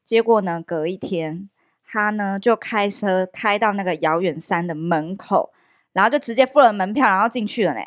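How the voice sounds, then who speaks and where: A woman's voice: medium pitch, normal speed, no room sound, studio quality. A young woman, co-hosting a casual podcast chat and telling stories with laughter and acted-out quotes. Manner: animated storyteller, laughs often, acts out quotes. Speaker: podcast co-host.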